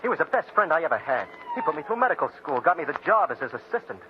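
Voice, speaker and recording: An intense young doctor in a radio play. He speaks quickly with wide swings of pitch, earnest and full of grief. The old recording is muffled, with faint noise. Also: very animated. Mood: grieving. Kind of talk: old-time radio drama acting.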